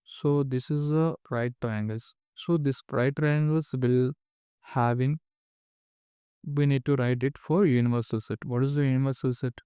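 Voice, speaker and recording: A man teaching maths step by step, dictating symbols piece by piece with short pauses and methodically repeating questions and rules. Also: medium pitch, fairly even intonation, dark tone, clear, resonant tone, no echo, studio quality. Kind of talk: step-by-step worked-solution lesson.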